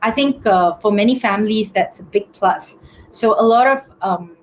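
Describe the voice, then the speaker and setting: A woman, answering questions in a business webinar over a video call, with many pauses and restarts. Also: mid-range voice, a little hiss or hum, low-quality recording. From Singapore. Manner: hesitant, many ums and restarts.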